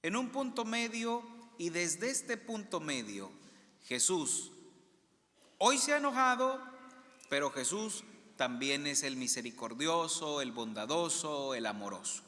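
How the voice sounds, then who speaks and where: A man's voice: a little high, very animated, a little slow, sharp tone. A male priest giving a homily, often asking the congregation questions and repeating their answers aloud. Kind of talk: interactive homily. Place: church. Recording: long church reverb.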